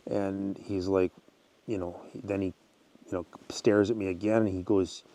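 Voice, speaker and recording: A man with a low, mellow voice tells an outdoors story in a loose, rambling way. He leans on fillers, doubles back on his words and keeps clearing his throat. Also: fairly even intonation, slow. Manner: rambling, full of fillers and restarts. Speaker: wilderness storyteller. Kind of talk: casual spoken storytelling.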